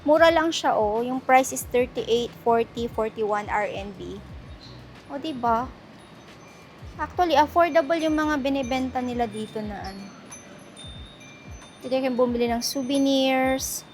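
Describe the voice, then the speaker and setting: Filipino woman, travel vlogger, high voice, unhurried chatty delivery, handheld camera, loud music underneath. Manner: chatty, mixes Tagalog and English, laughs often. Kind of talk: casual travel vlog. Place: shopping mall. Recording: loud music playing over voice. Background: background music.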